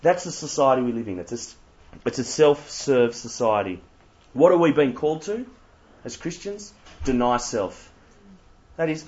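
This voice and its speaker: A man's voice: medium pitch, darkish tone. A young Australian man giving an interactive church talk, quizzing the audience with playful asides. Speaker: youth speaker. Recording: slightly muffled lo-fi recording.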